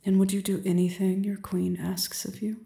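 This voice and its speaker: Casting: an imperious, seductive queen played by a woman, flat, mellow, slow delivery with frequent whispers, roomy echo. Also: mid-range voice, gravelly, lightly acted. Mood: regal, commanding. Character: commanding, seductive adult queen on her throne. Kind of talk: audio roleplay.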